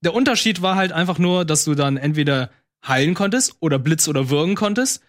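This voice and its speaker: A man co-hosting a casual gaming talk show, speaking quickly with frequent hesitations and fillers. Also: a little high, animated. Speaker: podcast co-host.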